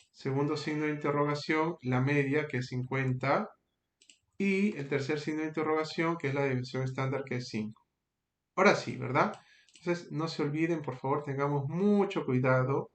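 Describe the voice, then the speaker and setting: Patient man teaching statistics, roomy echo. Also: fairly high pitch. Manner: patient, checks in with frequent tag questions. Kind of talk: screen-recorded tutorial.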